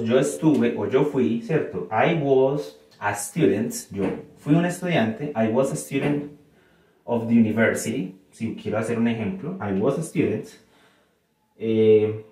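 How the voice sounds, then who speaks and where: Slow, echoey Colombian male teacher. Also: medium pitch, darkish tone. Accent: Colombian Spanish. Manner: slow, explanatory, switches between two languages, often checks understanding. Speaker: English teacher. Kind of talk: classroom video lesson. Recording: very echoey room, mic far off.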